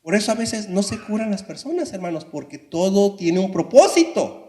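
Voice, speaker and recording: A man's voice: high voice, sing-song, normal speed, darkish tone. A male pastor preaching an impassioned sermon in a church, often addressing the congregation. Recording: echoey church hall reverb.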